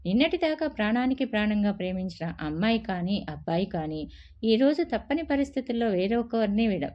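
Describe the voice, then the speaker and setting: A woman voicing a young man who speaks in a measured, reflective way. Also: mid-range voice, dark tone. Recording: dull lo-fi recording.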